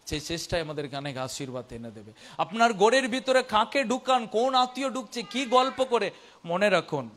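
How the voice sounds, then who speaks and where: High-pitched male preacher with learner's Bengali. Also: a bit bright. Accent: foreign learner's Bengali. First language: not Bengali, learned it as an adult language. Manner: exhorting, repetitive, with rhetorical questions. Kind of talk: sermon.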